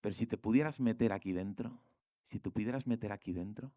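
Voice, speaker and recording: Young guy from spain preaching, chatty and animated, kinda dull dry recording. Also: lowish voice, fairly quick, dry recording. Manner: animated, acts out quoted voices, colloquial. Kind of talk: sermon.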